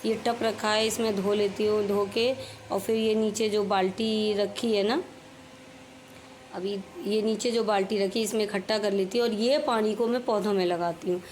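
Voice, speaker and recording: A woman's voice: medium pitch, steady tone, normal speed, a little mellow, a little hiss or hum. A middle-aged woman with a slightly sore throat, chatting casually over her home cooking and cleaning footage. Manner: chatty, homely, explains while working. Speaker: home vlogger.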